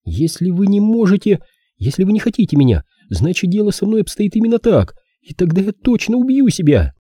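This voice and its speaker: A man's voice: very animated, a little fast, mellow, husky, no room sound, clean studio sound, exaggerated voice. A man doing a pleading young woman. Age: young adult. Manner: high, intense, pleading.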